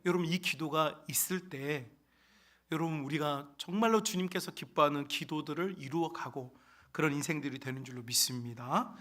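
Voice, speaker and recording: An emphatic male pastor preaching a sermon in a church sanctuary, his voice set fairly high for a man. He speaks straight to the congregation again and again. He drops to near-hushed phrases and then rises to strong, loud ones. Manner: emphatic, often addresses the congregation, sharp swings between soft and loud.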